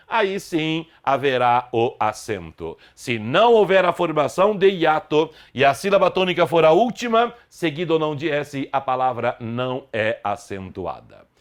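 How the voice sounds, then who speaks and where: An older man teaching a Portuguese grammar lesson, slowly repeating example words one by one in a deliberate way. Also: fairly high pitch, lively intonation, clean tone.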